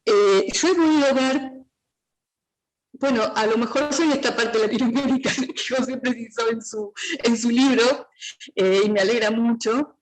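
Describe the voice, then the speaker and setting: A woman with a Rioplatense Spanish accent giving a thoughtful, earnest talk at a book presentation, often pausing on "eh" fillers. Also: a little high, low-quality recording. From Río de la Plata region. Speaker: prologue writer speaking at a book presentation.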